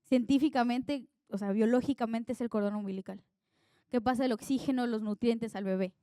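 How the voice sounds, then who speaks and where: A woman's voice: on the high side, brisk, mellow, clear, resonant tone, dry recording, studio quality. A young woman preaching an earnest, conversational sermon that draws on her own life.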